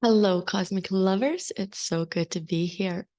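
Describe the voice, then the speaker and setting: A woman's voice: medium pitch, measured pace, a little mellow. A woman, hosting a podcast in open, unscripted, meandering solo talk. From Slovenia. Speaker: podcast host. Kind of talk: casual solo podcast chat.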